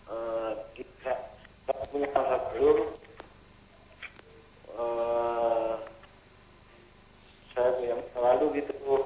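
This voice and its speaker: A male caller speaking haltingly, his voice garbled and robot-like over a broken phone line. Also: mid-range voice, fairly even intonation, warm tone, echoey room, a little hiss or hum. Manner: halting, hesitant.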